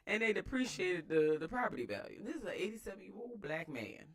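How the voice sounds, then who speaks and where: An American man hosts a read-aloud, offering casual, opinionated commentary that's emphatic and slangy, repeating phrases for emphasis. His voice sits high, with lively intonation and a slightly fast pace.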